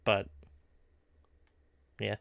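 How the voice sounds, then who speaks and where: A man's voice: drawn-out words, crowd noise. A man streaming a truck game, chatting offhandedly with a friend about everyday things. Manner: relaxed, offhand small talk. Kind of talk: casual chat while gaming.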